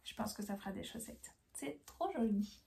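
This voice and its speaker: A woman's voice: mid-range voice, expressive, moderate pace, vocal fry, dark tone, slight background noise. A young woman, chatting enthusiastically about her knitting purchases in a casual vlog. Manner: chatty and enthusiastic, many fillers. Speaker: knitting vlogger. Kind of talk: casual haul video.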